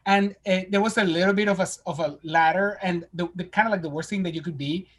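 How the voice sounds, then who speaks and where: A man's voice: high-pitched, fast talker. A man in his fifties, born in Spain, telling stories in a casual interview over a video call from a home study. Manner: animated storytelling, gesturing widely. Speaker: guest.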